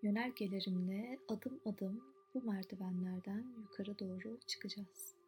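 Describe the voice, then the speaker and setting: A woman leads a guided meditation in a soft, soothing voice at a middling pitch. She speaks in short, unhurried phrases with long pauses, like scripted relaxation narration. Faint music plays behind her. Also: steady tone.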